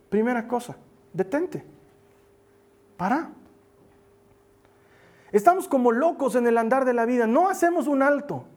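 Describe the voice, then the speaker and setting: A male pastor preaching a sermon in an animated, emphatic way, turning playful at times and dropping to a soft plea at key points. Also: sits high. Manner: animated, emphatic, often playful with acted asides.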